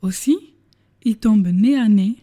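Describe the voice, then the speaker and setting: A woman's voice: medium pitch, a little slow, mellow. A woman narrating a comic story in a mock radio style, addressing the listeners theatrically.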